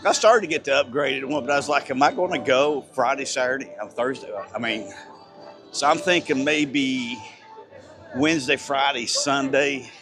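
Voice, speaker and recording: A man live-streaming as he walks through an outdoor theme park at night, excited and a little breathless, rambling and chatting with passersby on a handheld phone. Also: mid-range voice, normal speed, music in the background. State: slightly breathless. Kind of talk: casual walking live-stream chat.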